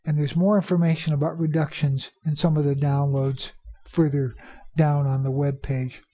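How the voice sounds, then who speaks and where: A native English speaker teaching teachers about pronunciation, repeating key phrases for emphasis and slowing down to demonstrate. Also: mid-range voice, little pitch movement, warm tone, breathy edge. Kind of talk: instructional talk.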